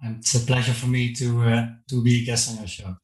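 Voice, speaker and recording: A man's voice: mid-range voice, little pitch movement, a little fast, a little mellow. A man talking conversationally as an interview guest on a podcast, recorded in an echoey room. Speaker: podcast guest, software entrepreneur.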